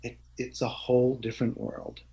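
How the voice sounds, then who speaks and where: A man's voice: medium pitch, monotone, moderate pace, mellow, rough recording. A middle-aged man as an interview guest, talking openly and earnestly, often laughing and restarting his words. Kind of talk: reflective conversational interview.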